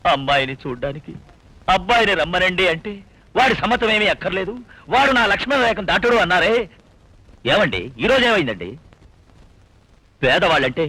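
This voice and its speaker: A man's voice: high voice, sharp tone, husky, no room sound, full character voice. An actor playing a desperate poor father who begs and wails bitterly to spare his daughter from shame. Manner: begging, wailing, bitter. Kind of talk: melodramatic film acting. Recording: film soundtrack with music.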